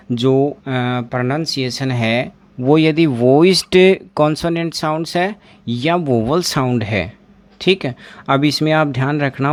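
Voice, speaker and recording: Slow, repetitive male teacher. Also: medium pitch. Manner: slow, drills words by repeating them; asks questions and then answers them. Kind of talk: exam-prep lesson.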